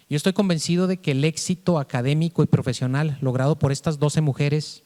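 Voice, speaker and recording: A man giving a formal, measured speech at a book presentation, with some hesitant restarts. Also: a little high, a little mellow, long reverb tail. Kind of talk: formal speech read aloud.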